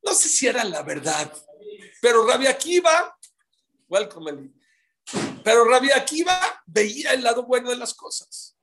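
A man's voice: extremely high pitch, a bit bright. A man teaching a live Talmud class, telling the stories dramatically and firing rhetorical questions at his listeners.

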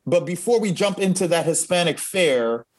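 A man's voice: high-pitched, expressive, moderate pace. A man co-hosting a casual show, upbeat and playful, laughing easily with his partner. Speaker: co-host. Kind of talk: casual podcast chat.

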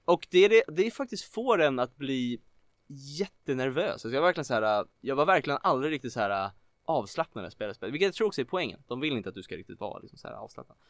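Rambling excitable male podcast host. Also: medium pitch, dry recording. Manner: rambling, heavy filler words, excitable. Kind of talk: casual chat about video games.

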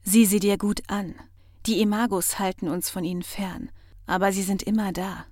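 A woman voicing a grimy male hacker who hisses threats in a low whisper, in an audiobook. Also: fairly even intonation, moderate pace, a little mellow, no room sound, studio quality, natural voice. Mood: menacing whisper. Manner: whispered, menacing.

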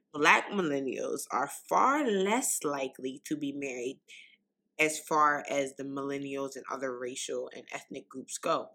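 Loud New York woman hosting. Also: low voice. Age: young adult. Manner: loud, unfiltered, addresses listeners directly. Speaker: podcast host. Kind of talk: casual podcast talk.

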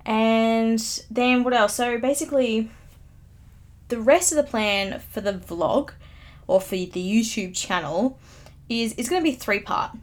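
A woman's voice: fairly high pitch, unhurried. A young woman of about nineteen chatting on her own podcast, rambling and teasing herself, recorded close on a good mic at home. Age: late teens. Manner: chatty, self-mocking, giggly asides. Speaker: YouTuber. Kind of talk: casual solo podcast chat. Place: home room, upstairs. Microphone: studio microphone, close.

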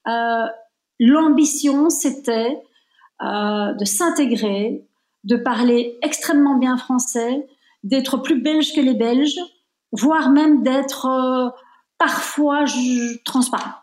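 A woman's voice: high voice, slow, a little mellow, reverberant. A woman in her fifties, born in Belgium, speaking as a guest in a conversational interview, reflective and emphatic, with many fillers. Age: 50s.

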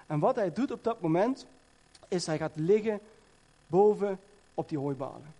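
A man's voice: high voice, expressive, normal speed, warm tone. A man preaching a sermon in a church, telling stories in a loose, conversational way with many fillers and restarts.

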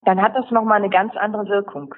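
A woman's voice: mid-range voice, fairly even intonation, brisk. A woman rhetoric coach answering interview questions, explaining at length and listing examples in runs. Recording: tinny phone-like line.

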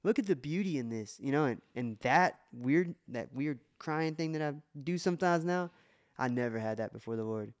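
A man's voice: mid-range voice, expressive, moderate pace. Earnest man sharing faith on a podcast. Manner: earnest, emotional testimony with many restarts. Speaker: podcast co-host. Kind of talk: casual faith podcast talk.

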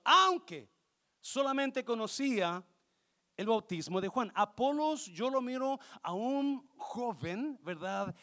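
A male pastor, preaching a passionate sermon that swings from quiet explanation to shouting, with English words mixed in. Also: sits high.

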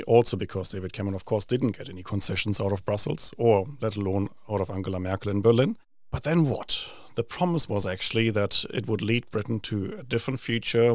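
A man's voice: lowish voice, dry recording, studio quality. A man hosting an interview, asking probing, challenging questions of his guest. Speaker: podcast host, interviewer.

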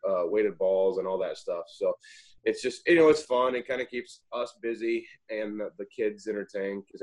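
Young guy, lowish voice, ex pitcher rambling thru his stories in an interview. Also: darkish tone. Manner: rambling, self-correcting anecdotes. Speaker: former college pitcher, guest. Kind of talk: casual interview storytelling.

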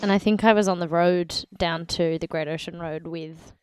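Clear-voiced, teasing Australian woman. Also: on the low side, fairly even intonation, moderate pace, a little mellow, dry recording. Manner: jokey, teasing. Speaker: podcast co-host. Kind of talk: casual chat.

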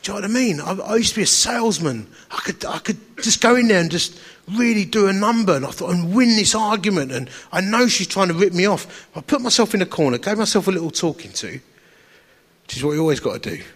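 A man's voice: high voice, expressive, fast talker, fairly bright tone, breathy edge. A man with an Essex accent preaching through personal anecdote in a chatty, wry, self-deprecating storytelling manner. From Essex, England. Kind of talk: anecdotal sermon to an audience.

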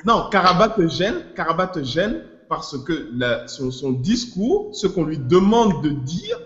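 A man's voice: a little high, big pitch swings, a little slow, fairly bright tone. A man co-hosting a casual podcast panel, explaining at length, restarting phrases and dropping in English expressions. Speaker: podcast co-host. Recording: muffled, roomy podcast recording.

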